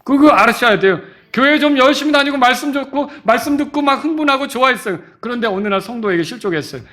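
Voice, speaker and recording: A middle-aged man preaching a sermon as pastor, acting out quoted voices and shouting at the high points. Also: lively intonation, fast talker.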